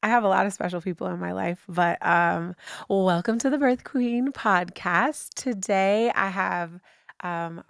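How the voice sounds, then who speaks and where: A woman hosting a podcast, chatting casually with a guest in a gushing, excitable way with lots of fillers. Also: medium pitch, clear, resonant tone, no room sound, clean studio sound. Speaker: podcast host. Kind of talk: casual interview chat.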